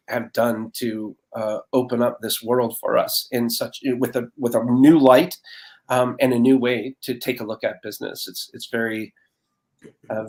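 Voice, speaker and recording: A man's voice: medium pitch, darkish tone. A man hosting a live online interview over a video call, effusive and thankful, talking with many fillers. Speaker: host.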